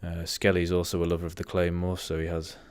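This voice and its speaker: Low monotone male streamer. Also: fast, clean tone. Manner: rambling, easily sidetracked. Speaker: livestream host. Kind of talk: casual livestream chat.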